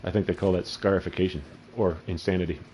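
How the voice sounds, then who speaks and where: A man's voice: deep voice, little pitch movement, fast talker, a little mellow, a little hiss or hum, rough recording. A man giving casual, profane gameplay commentary and rambling into crude stories. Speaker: gaming channel host.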